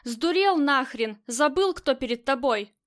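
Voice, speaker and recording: A hard, cold-blooded woman who runs a gang speaks in short, commanding lines, as a woman reading the audiobook puts her on. Her voice sits high. She gives orders and expects to be obeyed. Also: lively intonation, unhurried, fairly bright tone. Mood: furious. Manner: curt and commanding.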